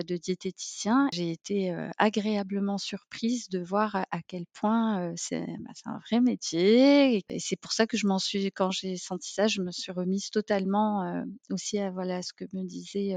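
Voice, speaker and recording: Halting woman with a dry, close voice. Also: medium pitch, a little mellow, no room sound. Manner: halting, thoughtful, frequent fillers. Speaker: program client giving a testimonial. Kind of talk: interview answers.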